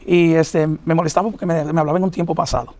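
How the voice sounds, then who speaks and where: Fast, halting preacher man telling his testimony. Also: on the high side, level tone, darkish tone, no room sound. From New York, of Puerto Rican parents. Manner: earnest, halting, many fillers. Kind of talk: personal testimony in an interview.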